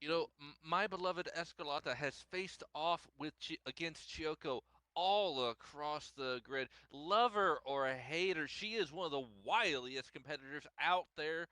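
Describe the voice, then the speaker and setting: A man's voice: fairly high pitch, measured pace, bright, forceful tone, no echo. A man giving color analysis as a wrestling commentator, with a wry, dramatic way of talking.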